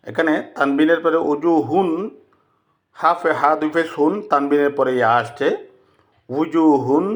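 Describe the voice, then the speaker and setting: A man teaching Quran recitation rules step by step, repeating each example and drawing out the Arabic words slowly. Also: a little high. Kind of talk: slow step-by-step tajweed lesson.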